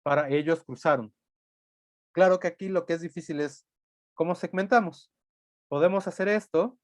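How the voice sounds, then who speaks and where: A man gives a recorded lecture in a fairly high voice. The sound is dry and close, with no room around it. He explains patiently, thinking aloud and tagging his points with quick questions. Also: dry recording.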